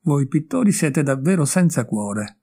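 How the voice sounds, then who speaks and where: A man voicing a kind-hearted, easily flustered young gentleman in an audiobook, earnest and quick to protest. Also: fairly high pitch, big pitch swings, breathy edge, heavily acted. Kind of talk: audiobook character voice.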